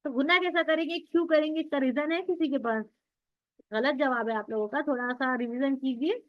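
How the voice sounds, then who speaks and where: This online Quran recitation teacher speaks a little fast, her voice sitting high. She walks through the rules patiently, raising her own questions and answering them, over dull lo-fi audio.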